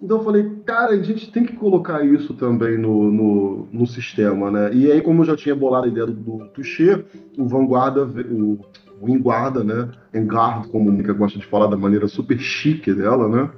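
A Brazilian man chats casually on a podcast, teasing his co-hosts. His voice has a middle pitch. Soft music runs in the background. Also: lively intonation, fairly quick, lo-fi sound. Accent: Brazilian Portuguese. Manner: joking, informal storytelling. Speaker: podcast co-host.

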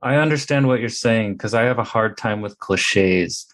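A man hosting a casual podcast roundtable, talking in an animated way and acting out quotes in a raised voice. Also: on the low side, normal speed. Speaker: podcast host.

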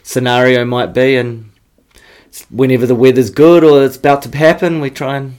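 A man's voice: mid-range voice, flat delivery, normal speed, a little mellow, clear, resonant tone. Laid-back New Zealand man, slangy chat. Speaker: snowboarder guest. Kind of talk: casual interview chat.

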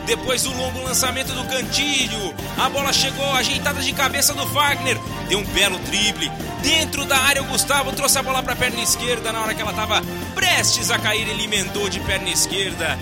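Brazilian male football announcer for explosive goal commentary; very high, excited voice over loud music. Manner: excited, drawn-out goal shouts and emphatic names. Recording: loud music bed under the voice. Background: loud background music.

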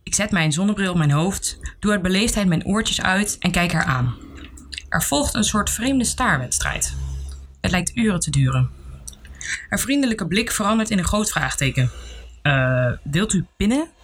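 A young woman reading her own first-person memoir aloud in an earnest, soft-spoken way. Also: mid-range voice, animated, normal speed, a little hiss or hum. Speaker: narrator of her own story.

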